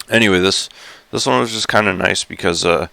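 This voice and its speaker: A man in a rough, gravelly morning voice, rambling chattily through a casual live stream with lots of fillers and restarts. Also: deep voice, sharp tone, dry recording. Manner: rambling, chatty, many fillers and self-corrections. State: groggy just-woken morning voice. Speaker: live streamer exploring a virtual world.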